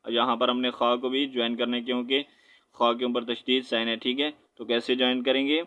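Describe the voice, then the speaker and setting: A man with a Pakistani Urdu accent teaching Quran recitation, spelling out letters and vowel marks, then reciting slowly and drawn out, with quick low explanations. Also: little pitch movement, pushed and bright, smooth, lo-fi sound. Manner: explains quickly in a low aside, often asking "right?".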